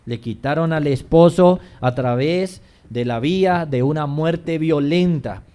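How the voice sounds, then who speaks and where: In this sermon, a male pastor speaks at a measured pace and calls his listeners brothers, moving back and forth between soft, low moments and forceful, raised lines.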